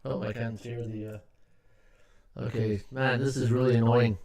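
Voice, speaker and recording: A man's voice: mid-range voice, little pitch movement, moderate pace, gravelly, darkish tone. A man hosting a sports betting livestream in a chatty, filler-heavy way, his microphone sounding echoey like a tunnel. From Canada. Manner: chatty, greets viewers by name, many "uh" fillers. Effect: echoing tunnel-like sound on his microphone. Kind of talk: casual livestream chat. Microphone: USB desktop microphone. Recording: echoey hollow mic sound.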